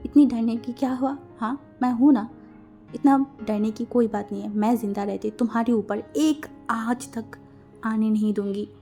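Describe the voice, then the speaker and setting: A woman voicing a calm, tender young man in love, speaking softly and reassuringly in a storytelling fan fiction reading, with faint music behind her. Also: on the high side, moderate pace, close to an everyday voice. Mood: soothing. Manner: soft, reassuring, quietly affectionate.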